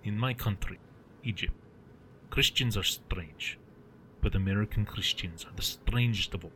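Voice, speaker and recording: A man voicing a calm, imposing Egyptian general with a deep, rumbling Arabic accent and measured, formal speech. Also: slight background noise. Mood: pointed. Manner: measured, formally polite, pointed.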